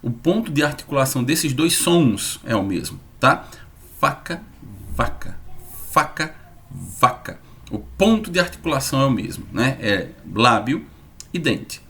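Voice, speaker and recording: A man teaching an online lesson, lively and repeating sounds slowly to demonstrate them. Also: medium pitch.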